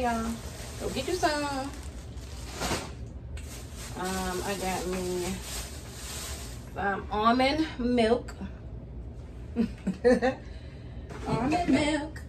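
A woman's voice: a little high, animated, takes it slowly, pauses often. A young woman chatting casually to viewers about her groceries while unpacking bags in her kitchen, hot and sweaty. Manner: chatty, addresses viewers as y'all. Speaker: vlogger and mother. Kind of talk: casual grocery haul vlog. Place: home kitchen, indoors. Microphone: camera on the counter, at a distance. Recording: distant camera mic, noisy room.

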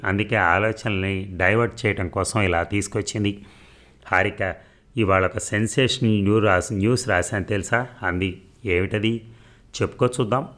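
Guy reading a novel out loud, does all the parts himself with little voice shifts, trips on a word now and then, fairly low voice. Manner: reads dialogue with light voice changes, some slips and restarts. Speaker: novel reader. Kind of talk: audiobook narration of a novel, voicing all parts.

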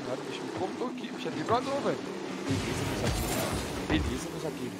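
A man with a Brazilian accent chatting excitedly with a teammate as he plays a video game, urgently repeating short calls. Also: medium pitch, racing. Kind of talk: excited gaming chat with a teammate. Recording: game music behind the voice. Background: game music.

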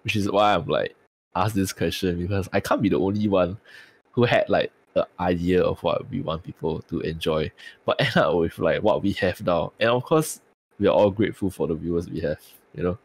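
Tired, raspy-voiced male streamer, deep and gravelly, casual podcast co-host. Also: fairly quick. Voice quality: tired-sounding voice. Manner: rambling, swears freely.

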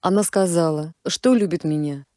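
A woman's voice: on the low side, normal speed, mellow, no echo, clean studio sound, natural voice. A woman voicing a young man who is remorseful and speaks in a broken, subdued way. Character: young man, guilt-ridden fiancé, broken and quiet.

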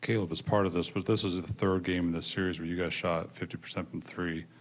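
A man's voice: low-pitched, fairly even intonation, fast, slight background noise. A man working as a reporter, asking a question at a press conference.

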